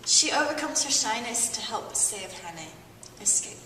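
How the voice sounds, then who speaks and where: A woman, a stage actor, chats about her roles with giggles and coy evasions. Her voice sits a little high and comes from some distance. A roomy theatre echo and clear background noise surround her. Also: expressive, normal speed, sharp tone. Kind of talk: casual interview answers. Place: theatre hall. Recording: distant mic in echoey theatre, noisy.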